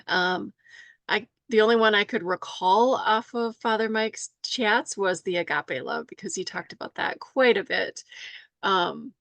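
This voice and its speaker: A woman's voice: mid-range voice, unhurried, creaky, a bit bright, no echo. A woman who is a health coach and guest on a talk show, speaking in an enthusiastic, upbeat casual way. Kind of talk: casual conversation.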